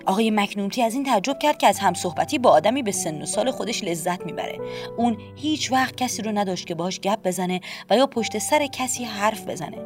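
A woman narrating a children's storybook in a gentle, steady, expressive way. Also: mid-range voice, over music. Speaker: audiobook narrator.

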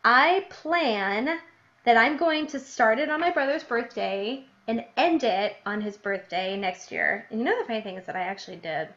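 A woman's voice: a little high, moderate pace. A young woman hosting a podcast, chatting casually and giggling as she reads from her childhood diary. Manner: giggly, animated, laughs often between readings. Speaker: podcast host. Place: lives in New Jersey, grew up in Illinois. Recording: dull lo-fi podcast audio.

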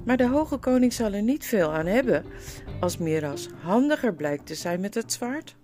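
A woman voicing an excitable, skeptical male dwarf in a storybook reading. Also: mid-range voice, normal speed, over music, pitched above the performer's own voice, natural voice. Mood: grumbling.

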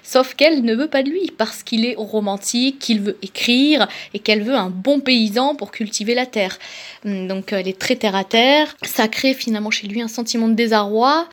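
A woman reviewing novels in casual book talk, pausing often with filler sounds. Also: a little high. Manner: hesitant, many filler pauses.

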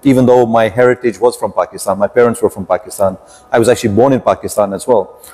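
A man in his fifties, a podcast guest telling his story in a measured, reflective way with frequent pauses. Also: lowish voice, steady tone, warm tone. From United Kingdom. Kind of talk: podcast interview.

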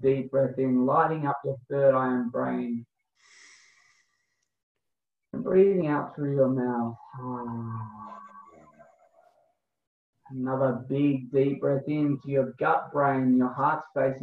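Male meditation guide, mid-pitched, spaced instructional phrasing, thin roomy recording. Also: steady tone. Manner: slow, spaced instructional phrasing when guiding. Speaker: breathwork coach, guest. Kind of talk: guided breathing meditation, then casual explanation. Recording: thin phone-like sound, roomy echo.

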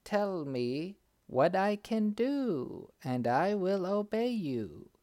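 A man voicing a magical talking bird who speaks with solemn, drawn-out loyalty. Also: medium pitch, big pitch swings, warm tone, pitched above the performer's own voice.

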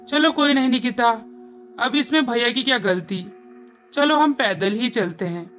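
A woman's voice: fairly high pitch, moderate pace, fairly bright tone, faint music behind, natural voice. A woman voicing an easygoing young man.

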